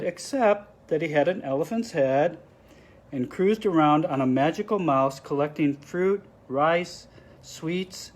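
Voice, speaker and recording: A man's voice: fairly high pitch, darkish tone. A man reading a picture book aloud to children, explaining the pictures with friendly asides. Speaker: storybook reader.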